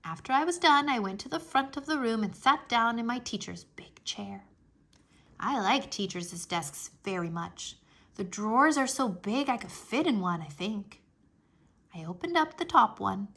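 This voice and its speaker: At normal speed, a woman with a voice on the high side reads a children's storybook aloud as narrator. She tells the story expressively in an animated, childlike first-person voice.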